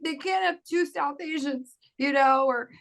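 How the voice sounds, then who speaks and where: High-pitched yet gravelly and unhurried, this voice belongs to a woman in her thirties who grew up in Bahrain, speaking as an actor on a panel. She keeps things animated and casual, laughing often and dramatizing quoted dialogue.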